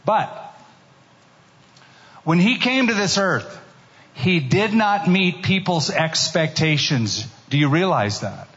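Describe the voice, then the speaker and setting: A man's voice: sits high, lively intonation, a bit bright. Man preaching at a pulpit microphone. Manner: emphatic, slows down sharply on key phrases. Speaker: pastor. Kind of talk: sermon. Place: church sanctuary with seated congregation. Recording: dull, lo-fi sermon recording.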